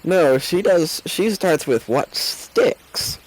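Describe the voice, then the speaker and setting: A man's voice: a little high, lively intonation, takes it slowly, slight background noise, voice pushed up, poor audio. A man voicing a teasing young woman who pries into her friends' love lives. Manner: prying, pushy.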